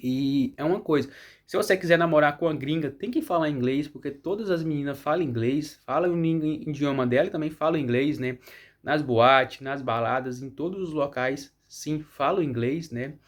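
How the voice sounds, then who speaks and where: A young man from Brazil talks straight to his viewers in a loose, rambling way, with a Brazilian Portuguese accent. His voice sits a little higher than most men's, and he keeps checking in with quick tag questions. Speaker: vlogger. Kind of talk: casual chat.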